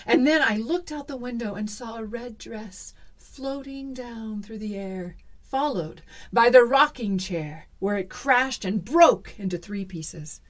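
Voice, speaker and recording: A woman storyteller telling a folktale in the first person, dramatic and dropping to hushed whispers. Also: fairly high pitch, unhurried.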